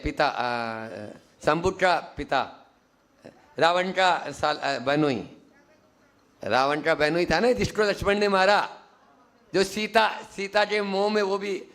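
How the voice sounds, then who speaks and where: A man's voice: high voice, creaky, fairly bright tone. A man, a Jain monk, giving a sermon at a teaching camp, asking his listeners questions and acting out little voices as he explains. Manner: teaching, asks the audience questions and acts out quick voices. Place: teaching camp hall with audience.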